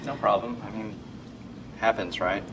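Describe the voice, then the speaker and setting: A man's voice: on the low side, steady tone, moderate pace, noisy background, close to an everyday voice. An actor playing a wry, teasing single man back on the dating scene. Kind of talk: film acting.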